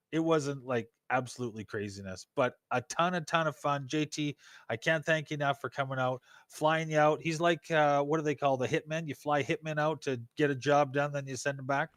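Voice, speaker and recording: A man's voice: on the high side, normal speed, no room sound, studio quality. A man co-hosting a casual live stream, laid-back and full of "dude" and "like". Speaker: co-host and shop owner.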